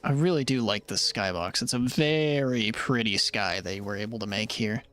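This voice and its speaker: A man's voice: on the low side, moderate pace, fairly bright tone, faint music behind. A young man giving playful, jokey commentary while playing a video game and talking to the creatures he meets. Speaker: streamer. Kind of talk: casual gameplay commentary.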